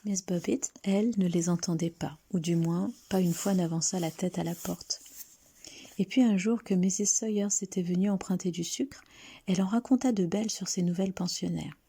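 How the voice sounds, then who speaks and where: Husky-voiced woman reading a story. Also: fairly low pitch, moderate pace. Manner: hushed, half-whispered storytelling. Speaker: narrator. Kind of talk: reading a short story aloud.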